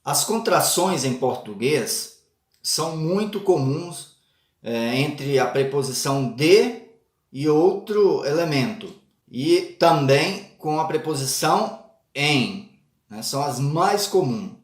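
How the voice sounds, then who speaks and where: A man teaching a Portuguese lesson, speaking deliberately, repeating example words and adding short tag questions. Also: fairly high pitch, animated, reverberant. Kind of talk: slow spoken language lesson.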